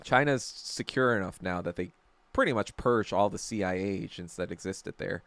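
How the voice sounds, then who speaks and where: A man's voice: deep voice, moderate pace, gravelly, fairly bright tone, dry recording. A man hosting a casual livestream podcast, rambling and opinionated with plenty of swearing and fillers. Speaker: podcast host.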